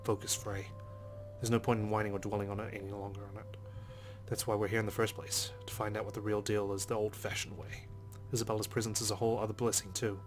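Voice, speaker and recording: For a let's play, a man reads visual novel narration aloud in a low voice over game music. He goes fast with a flat delivery and very little rise or fall in tone.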